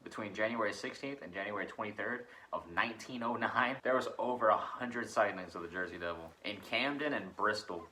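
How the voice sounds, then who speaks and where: A man's voice: on the low side, fairly quick, few pauses, pushed and bright. A young man co-hosting a casual chat, telling cryptid stories in a laid-back way and laughing often. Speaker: podcast co-host. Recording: faulty microphone audio.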